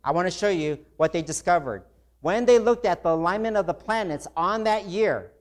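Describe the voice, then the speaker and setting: A man preaching a sermon to a congregation, talking casually and growing emotional and intense. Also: high-pitched.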